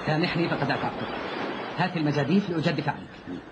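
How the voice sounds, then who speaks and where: A man voicing a kindly, devout sheikh in an animated film, gentle and fatherly, speaking with preaching warmth. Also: fairly high pitch, fast talker, muffled recording. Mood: earnest. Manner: warm, preaching, lively delivery. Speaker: boat sailor. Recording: noisy soundtrack background.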